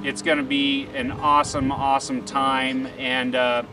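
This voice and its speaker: A man's voice: mid-range voice, monotone, unhurried. A man giving an informal promotional introduction as presenter, chatty and upbeat. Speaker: presenter, real estate agent. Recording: distant mic, music behind. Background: music.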